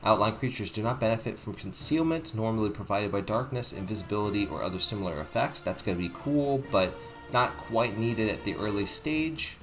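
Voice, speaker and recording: Low-voiced man rambling through game commentary. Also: expressive, fairly quick, fairly bright tone, poor audio. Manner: rambling, thinking aloud. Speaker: gaming video host. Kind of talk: casual playthrough commentary. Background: music.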